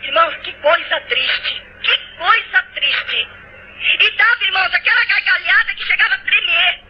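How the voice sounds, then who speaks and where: A woman's voice: extremely high pitch, normal speed. A woman with a Brazilian Portuguese accent gives a fervent church testimony, at times tearful, repeating her phrases and calling out to the brothers. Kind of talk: emotional testimony sermon. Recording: dull lo-fi recording.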